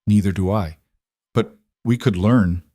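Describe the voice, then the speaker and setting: A man doing a gentle, patient frontier man. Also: lowish voice, no echo, clean studio sound, natural voice. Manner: gentle, unhurried.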